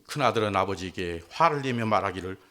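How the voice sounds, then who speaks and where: A male pastor preaching a sermon in an animated way. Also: lowish voice, quick pace. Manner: animated, acts out quotes.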